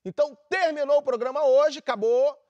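An actor playing a brash Brazilian van driver who hosts a comedy culture show, talking in a pushy, hurried way. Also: male voice, extremely high pitch, a little mellow, dull audio. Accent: Brazilian Portuguese. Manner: pushy, rushing, salesman-like. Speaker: show host, alternative transport driver Rogerinho. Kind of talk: scripted comedy sketch hosting.

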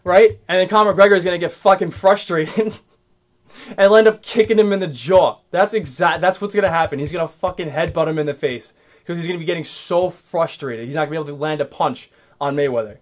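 Young guy in his twenties, solo podcast rant, swears constantly, trips over restarts, voice sits a bit high. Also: brisk. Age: 20s. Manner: profane, rambling, restarts a lot. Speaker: podcast host.

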